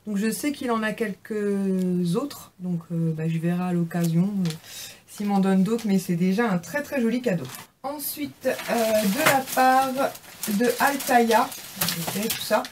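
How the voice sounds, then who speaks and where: A young woman in a casual haul video, chatting warmly about gifts, with many fillers and restarts. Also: mid-range voice, a little slow, a little hiss or hum. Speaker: beauty vlogger.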